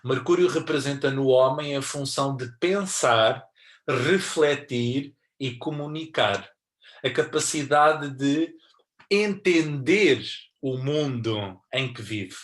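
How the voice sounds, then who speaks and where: Guy w a portuguese accent teaching astrology, mid pitch, explains stuff step by step then gets lively. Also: slow pace. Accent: European Portuguese. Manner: explanatory, warming up and more animated when stressing points. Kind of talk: astrology lesson.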